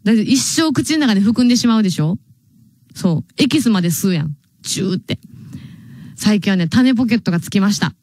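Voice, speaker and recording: A woman's voice: mid-range voice, animated, brisk, darkish tone, no echo. A young woman with a Kansai accent, hosting a radio show and chatting casually, reading listener mail and laughing often. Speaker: radio host. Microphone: studio microphone.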